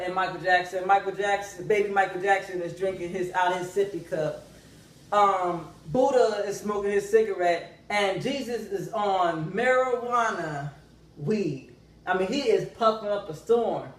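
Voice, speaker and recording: A young man telling a comic story, acting out the voices of the people in it. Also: sits high. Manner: animated, acts out characters' voices. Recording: echoey room, from a distance.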